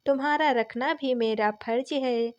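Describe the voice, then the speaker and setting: A woman's voice: high-pitched, unhurried, dull audio. A woman voicing a kindly, affectionate older father-in-law in a story reading, speaking in a soothing, fatherly way.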